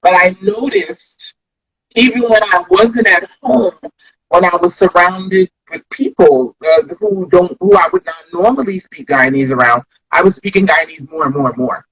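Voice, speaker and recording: A woman comedian from Flatbush, Brooklyn, New York, with an American accent, tells stories in a casual interview, rambling and reflective with frequent restarts and "you know". Her voice is husky and on the low side at normal speed. The audio is poor.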